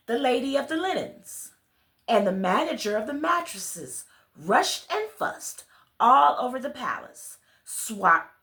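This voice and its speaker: A woman with a slightly high voice reads a storybook to children slowly and expressively, as a read-along storyteller and host. She breaks off for chatty asides, asking the young listeners questions and exclaiming directly to them. The sound is roomy and echoey.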